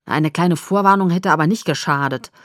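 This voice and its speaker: A woman reading the part of a worried, gruff middle-aged sheriff talking to his daughter. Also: mid-range voice, sing-song, measured pace, a little mellow, dry recording, studio quality. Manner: gruff, slightly out of breath.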